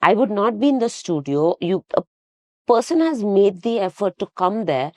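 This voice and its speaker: A woman, a guest telling lively stories in a casual conversation. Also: medium pitch, moderate pace, no room sound, studio quality. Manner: animated storytelling with quoted dialogue. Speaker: guest, fitness studio owner.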